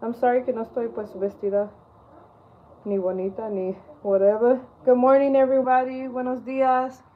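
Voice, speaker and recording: A woman's voice: a little high, fairly even intonation, a little slow, narrow, tinny audio. A woman hosting a casual live chat while cooking breakfast in her kitchen, chatty and self-deprecating, a little nervous, greeting viewers by name. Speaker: livestream host. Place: home kitchen. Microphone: phone on a tripod.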